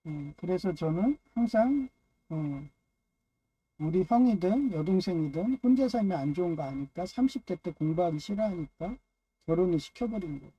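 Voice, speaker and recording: A man's voice: high voice, lively intonation, normal speed, mellow, muffled recording. A man giving a loose, rambling personal monologue on faith and family, dropping frequent "yes" fillers between phrases. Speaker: speaker of a personal religious talk.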